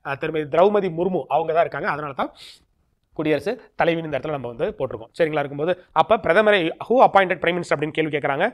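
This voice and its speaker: A man teaching a recorded exam-prep lesson over slides. He often checks in with "okay?" and reads English terms out slowly. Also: a little high. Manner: tags lines with a checking "okay?", mixes English terms into his explanations.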